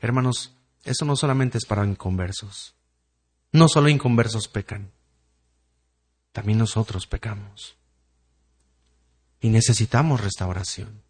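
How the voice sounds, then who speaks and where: A man's voice: fairly low pitch, measured pace, long pauses, slightly rough. A male pastor preaching a sermon in an earnest way, reading scripture aloud and addressing the congregation directly.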